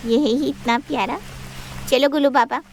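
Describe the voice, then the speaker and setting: Woman doing a gentle polite nanny in a cartoon story, a bit high voice. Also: steady tone, unhurried, faint music behind. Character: patient experienced nanny, young woman.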